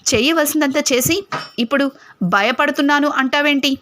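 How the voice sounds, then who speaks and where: A woman's voice: high-pitched, steady tone, a little fast, a bit bright, slight background noise. A woman voicing an arrogant young man who scolds his accomplice. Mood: scolding.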